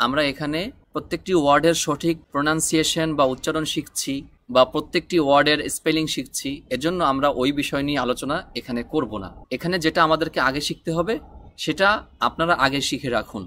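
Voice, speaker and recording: A man's voice: a little high, fairly quick, bright, forceful tone. A man teaching a spoken English lesson, explaining patiently and spelling words out letter by letter.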